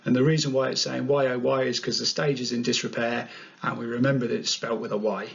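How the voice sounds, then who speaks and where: A man's voice: medium pitch, little pitch movement, fast talker, vocal fry. A man presenting a study tutorial in a playful, upbeat way. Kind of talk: narrated revision tutorial. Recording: dull lo-fi sound.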